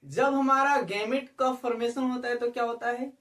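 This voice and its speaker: A man's voice: very high-pitched, fairly even intonation, moderate pace, fairly bright tone. A male biology teacher giving an exam-prep lecture, who keeps asking rhetorical questions, repeats key terms and checks that students follow. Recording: echoey room, speaker far from the mic.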